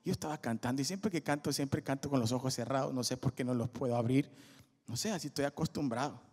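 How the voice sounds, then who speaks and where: A man's voice: mid-range voice, fast talker, breathy edge. A man giving a humorous testimony at a church service, acting out scenes as he tells them. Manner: animated storyteller, acts out scenes with jokes. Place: large church auditorium. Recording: echoey hall with faint music.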